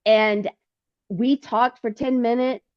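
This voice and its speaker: Animated woman telling her story, laughing. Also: on the high side, slow pace, no room sound, muffled recording. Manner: animated, acts out dialogue with laughs. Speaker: podcast guest, pilgrim. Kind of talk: casual storytelling.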